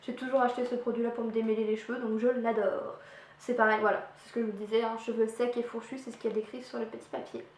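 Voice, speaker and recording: A woman's voice: a little high, level tone, fast talker, a little mellow. A young woman chatting casually through a beauty product review, with lots of fillers and little playful sound effects, recorded on a camera mic at home. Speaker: beauty vlogger. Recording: echoey room with faint hiss.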